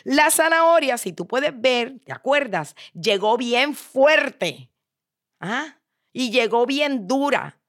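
A woman voicing a wise, patient father who is a chef, speaking calmly and instructively. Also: high-pitched, slow pace, no room sound, studio quality, pitched above the performer's own voice, heavily acted. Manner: calm, instructive.

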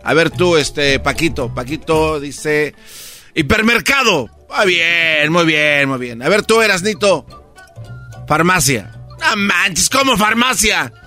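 Coanfitrión bromista de voz clara. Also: male voice, a little high, expressive, a little slow, hardly any pauses, bright, forceful tone, faint music behind. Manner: laughs and teases, narrates jokes plainly. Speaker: radio comedy co-host. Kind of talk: joke telling on comedy radio.

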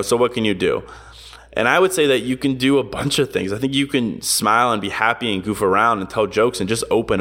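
A man's voice: on the low side, a bit bright. A man hosting a podcast, talking earnestly and conversationally in a reflective motivational monologue, often adding "you know" and "right". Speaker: podcast host.

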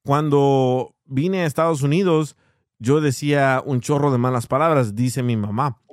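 A man's voice: medium pitch, unhurried, dry recording, clean studio sound. A man from El Salvador hosting a casual podcast chat, laughing often and asking his guests questions. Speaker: podcast host.

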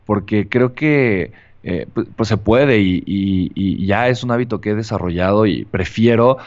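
A man's voice: fairly low pitch, a little slow, darkish tone. A man, an earnest podcast host who talks with many fillers and tag questions. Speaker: podcast host interviewing a guest. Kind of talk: conversational podcast interview. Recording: slightly muffled lo-fi audio.

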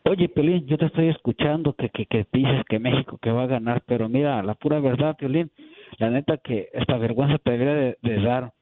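A man's voice: mid-range voice, a little fast, background noise. A Mexican man calling in to a radio show over the phone, blunt and argumentative, stumbling and repeating words as he makes his point. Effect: heard over a phone line. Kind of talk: call-in comment on a radio show. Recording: tinny dry phone line.

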